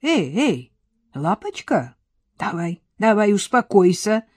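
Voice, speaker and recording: A woman's voice: on the low side, sing-song, slow pace, darkish tone, no room sound, clean studio sound, exaggerated voice. A woman doing a mild, frail old man. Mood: soothing. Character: frail kindly old man, gentle and unhurried.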